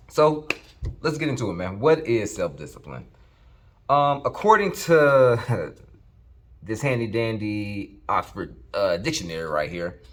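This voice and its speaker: A man in his thirties with a very low voice talks straight to camera in his workshop. He is laid-back and slangy, cussing now and then, and his words come out slightly slurred from dental aligners. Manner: laid-back, swears casually, slang-heavy. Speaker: fitness vlogger. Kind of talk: casual motivational talk to camera.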